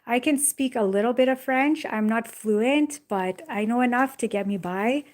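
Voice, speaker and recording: This is a fairly high-pitched female voice at a moderate pace, belonging to a young Jamaican woman running a casual phone live stream. She wanders from topic to topic while reading comments, leaning often on "like" and "you know," with the phone in her hand.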